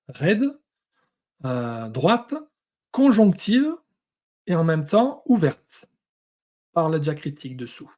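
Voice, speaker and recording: A man teaching a lesson, going through Hebrew and Greek words one at a time with many pauses. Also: fairly high pitch, a little mellow, slightly rough. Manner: explains word by word, pausing often. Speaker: Bible teacher.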